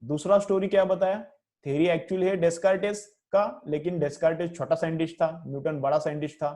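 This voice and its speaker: Hindi-English teacher with a mellow voice. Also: male voice, a little high, steady tone. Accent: Indian English. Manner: asks questions and answers them himself; repeats phrases slowly for dictation. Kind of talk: classroom lecture, dictating notes.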